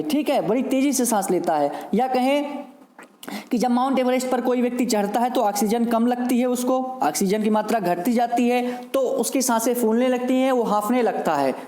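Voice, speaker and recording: A man's voice: very high-pitched, dark tone. A man teaching exam students, repeating names and asking quiz questions as he explains memory tricks. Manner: repetitive, drills names with "ठीक है" and quiz questions. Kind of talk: classroom lecture with memory tricks. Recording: echoey room sound.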